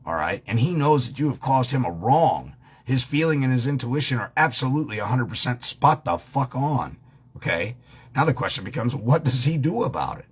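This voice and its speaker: A man's voice: medium pitch, slightly rough. A man giving a heated, profane monologue, swearing freely and hammering his points home. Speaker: online commentator.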